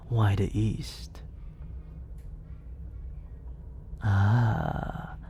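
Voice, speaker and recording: In an intimate ASMR roleplay, a man voices a smooth, scheming villain mentor who is teasing, grandiose, and secretly fond. Recorded close on a studio condenser mic, his lowish, warm, exaggerated voice is breathy and often slips into whispers. His delivery is theatrical, deliberate, and silkily persuasive, with a probing, coaxing mood.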